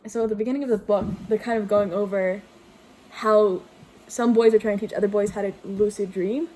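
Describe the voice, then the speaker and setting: Mellow-voiced woman chatting about books. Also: mid-range voice, steady tone, a little fast. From Greece. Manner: chatty, rambling with fillers and self-corrections. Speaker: book vlogger. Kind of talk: casual book review chat. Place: home with washing machine running.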